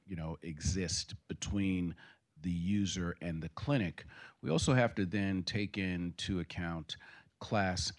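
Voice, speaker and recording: A man in the audience asking a long, deliberate question at a panel discussion. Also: low-pitched. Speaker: audience member.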